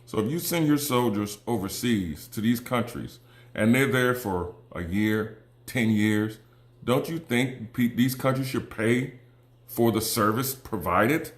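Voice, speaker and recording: A man and combat veteran talking casually to viewers, earnest and halting, with many ums and restarts that give way to emphatic, persuasive pushes. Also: medium pitch, roomy sound. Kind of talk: casual direct-to-camera talk.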